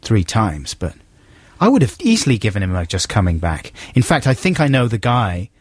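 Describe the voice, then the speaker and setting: A man's voice: on the low side, big pitch swings, moderate pace, husky, dry recording. A man co-hosting a radio show, rambling and self-mocking in casual chat. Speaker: radio co-host. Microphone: studio mic. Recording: dry studio sound.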